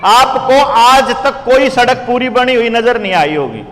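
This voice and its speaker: A man in his forties delivering a fiery political speech to a small crowd, firing rhetorical questions and pushing his high-pitched voice up to shouts. His voice rings out with a long reverb trailing behind it. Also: expressive, measured pace, slight background noise. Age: 40s. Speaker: political speaker. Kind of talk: public speech to a small gathering.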